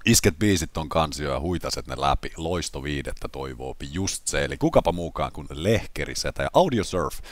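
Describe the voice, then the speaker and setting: A man hosts a casual gaming vlog in a voice left hoarse by illness, pitched very deep. He chats along with filler words and jokes at his own expense. The sound is dry and close, with no room echo. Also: animated, hardly any pauses. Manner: self-mocking, chatty with filler words. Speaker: gaming channel host.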